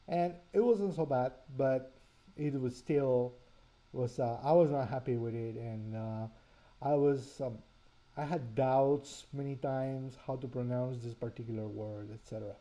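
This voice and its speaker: Spanish-accented man with a dark voice. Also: mid-range voice, poor audio. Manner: earnest storyteller, pauses with fillers. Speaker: author and course presenter. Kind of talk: personal story in a language lesson.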